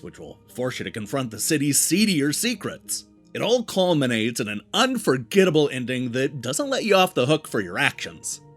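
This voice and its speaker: A man with a mid-range, slightly bright voice narrates a scripted video game review in an emphatic, polished presenter style. Music plays in the background.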